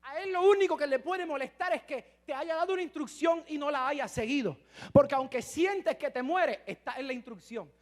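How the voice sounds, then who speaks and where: A man with a notably high voice preaching a sermon as pastor. He talks to the congregation in a joking, chatty way, then drops to near-whispered asides and builds to shouted peaks of emphasis. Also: moderate pace. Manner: dramatic preaching, swinging from hushed asides to shouted climaxes; conversational and humorous with the congregation.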